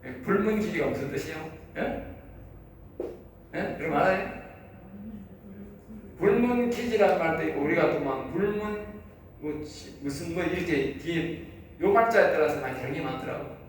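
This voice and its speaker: A man's voice: fairly high pitch, expressive, moderate pace, pauses often. A man with a Gyeongsang Korean accent, a pastor giving a sermon lecture, talking to his listeners in a conversational way and firing rhetorical questions at them. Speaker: pastor teaching at a seminary. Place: church lecture hall. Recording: echoey hall, mic far off, faint noise.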